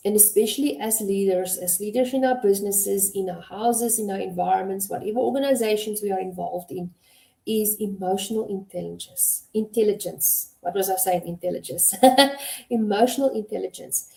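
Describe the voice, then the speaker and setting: A middle-aged woman gives a motivational talk on communication. Her voice is mellow and relaxed, and she paces her points deliberately. The sound carries a noticeable room echo. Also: mid-range voice, vocal fry. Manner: measured, deliberate, stresses key words. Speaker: host and communication coach. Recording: echoey room.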